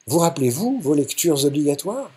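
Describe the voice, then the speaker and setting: A man's voice: fairly high pitch, sing-song, a little fast, dark tone, pitched above the performer's own voice. A man voicing a serious, composed young woman tutor who asks precise questions in a storybook reading. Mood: measured.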